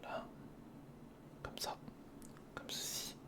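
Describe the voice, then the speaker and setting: Words are drawn out as an ASMR creator whispers breathily without voicing, muttering casual thoughts during a hands-on build.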